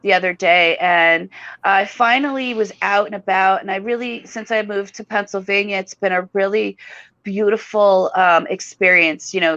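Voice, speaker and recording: A woman co-hosting a talk show, telling a story in a halting way with many fillers and restarts. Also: mid-range voice, creaky, fairly bright tone, no echo, dull audio. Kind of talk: casual talk show chat.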